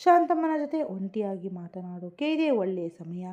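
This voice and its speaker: A woman narrating a suspense story in the first person, with a steady, dramatic reading. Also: mid-range voice, normal speed. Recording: muffled lo-fi recording.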